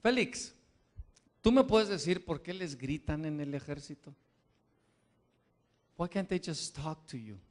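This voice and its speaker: A middle-aged man preaching a sermon to a live congregation in a church, emphatic, repeating his questions and building up to shouts. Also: a little high, expressive, slow, pauses often.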